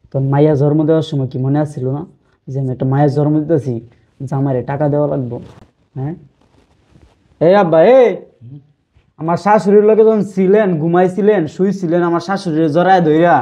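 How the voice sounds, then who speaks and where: Man acting as a greedy son-in-law, mocking and insolent, fairly high voice, dull lo-fi sound. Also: warm tone, natural voice. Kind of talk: web drama acting.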